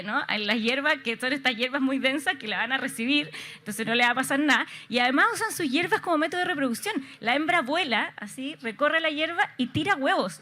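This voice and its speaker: A woman with a Chilean accent giving a lively festival talk to an audience, throwing rhetorical questions at listeners. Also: high voice. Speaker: entomologist speaker. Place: festival stage before an audience.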